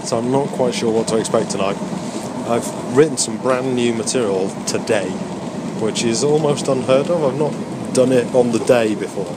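A man's voice: mid-range voice, normal speed. A man talking in a casual video diary as an amateur stand-up comedian, musing and repeating himself as he goes. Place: on trains and outdoors in the city. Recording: loud train and street noise behind. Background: loud vehicle and urban noise.

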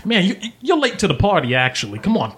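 A man's voice: high-pitched, huge pitch swings, fairly bright tone, slight background noise, voice pushed up, exaggerated voice. A man doing a chummy, jokey gang leader. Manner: chummy, teasing, quick to laugh. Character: gaunt, jokey male human gang leader.

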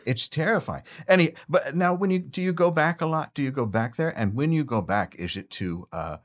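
A man's voice: on the high side, animated, fairly quick. A man hosting a podcast, asking easygoing, rambling questions and laughing along with his guest. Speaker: podcast host. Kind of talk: casual interview.

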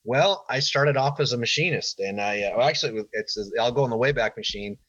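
A middle-aged man being interviewed as a podcast guest, plain-spoken with halting starts, talking casually. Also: medium pitch, a bit bright, no echo, highs cut off. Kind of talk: casual interview, recounting his career.

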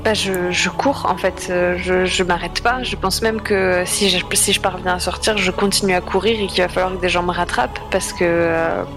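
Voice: mid-range voice, steady tone, moderate pace, hardly any pauses. A tabletop game player describing actions casually and hesitantly, repeating words, with music behind.

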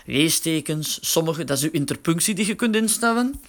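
A man giving a casual spoken tutorial, explaining slowly and with filler words while working a phone. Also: on the high side, animated. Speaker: instructor.

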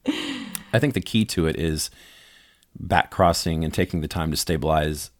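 A man co-hosting a casual podcast chat, relaxed and explaining growing tips, laughing easily. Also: a bass voice, normal speed, dry recording, studio quality. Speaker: podcast co-host.

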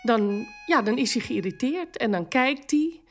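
Female interviewee, slightly high, halting emotional testimony over faint music. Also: lively intonation. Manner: emotional, hesitant. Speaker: interviewee, wife. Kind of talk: documentary interview.

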